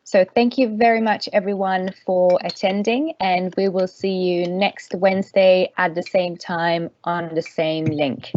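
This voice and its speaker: A woman's voice: lowish voice, steady tone, unhurried, hardly any pauses, darkish tone, muffled recording, a little hiss or hum. A woman organizer closing an online session politely, giving reminders about emails and next sessions. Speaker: webinar organizer. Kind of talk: closing announcements.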